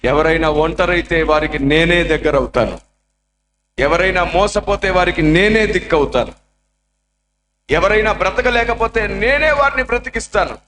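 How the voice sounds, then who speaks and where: A man voicing God gently reassuring a lonely boy, in a slow solemn way, within a sermon. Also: high-pitched, a little hiss or hum, voice pushed up. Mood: tender. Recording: echoey church hall.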